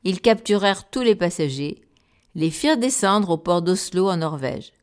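A woman narrating a children's story in a clear, gentle storytelling manner. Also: fairly low pitch, lively intonation, normal speed.

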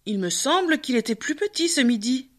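An earnest, wise storybook man who talks with worried, lively feeling, as a woman reader puts him on. The voice sits high and bright. Her reading stays close to her own natural voice. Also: fairly quick.

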